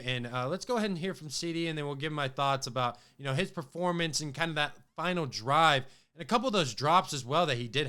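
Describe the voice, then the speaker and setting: A man's sports podcast chatter is loose and peppered with fillers and restarts, and his cold makes his voice sound a bit off. That voice is on the high side, sharp yet smooth.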